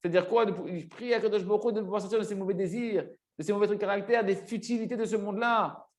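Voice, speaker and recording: Man, high-pitched voice, religious teacher, explanatory lesson, emphatic, didactic, repeats key phrases. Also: steady tone, rapid-fire.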